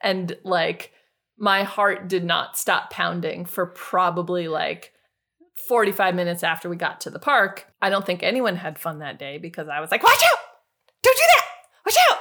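A woman's voice: fairly low pitch, moderate pace. A woman in her thirties co-hosting a podcast in casual chat, telling stories and acting out quotes. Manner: animated storyteller, acts out quotes with big shouts. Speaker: podcast co-host.

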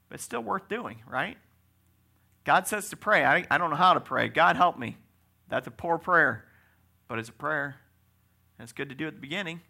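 A man's voice: on the high side, gravelly, bright, forceful tone. A man preaching a conversational sermon in a folksy way, often checking in with the congregation by asking "right?".

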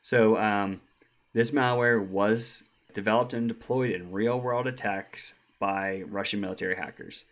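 A man's voice: fairly low pitch, steady tone, measured pace. A man co-hosting a casual tech podcast, chatty, with frequent ums and easy laughs. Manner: chatty, laughs easily, many ums and restarts. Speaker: podcast co-host.

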